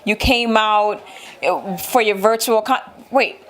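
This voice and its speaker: A woman's voice: mid-range voice, a bit bright, slight background noise. Brief: woman interviewer, encouraging, supportive, casual chat, mid-range voice. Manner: encouraging, quick affirmations. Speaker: interview host.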